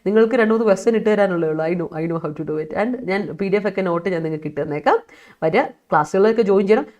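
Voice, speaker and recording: A woman's voice: mid-range voice, expressive, rapid-fire, darkish tone, highs cut off. A woman English teacher from Kerala running a live online vocabulary class, mixing English words into her explanations and laughing as she answers her students. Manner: mixes English words into explanations, reads student chat aloud, laughs often.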